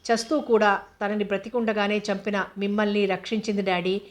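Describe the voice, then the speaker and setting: Woman reading as a grieving young son, passionate pleading, kinda flat pitch. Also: brisk, close to an everyday voice. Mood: anguished. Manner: impassioned pleading speech.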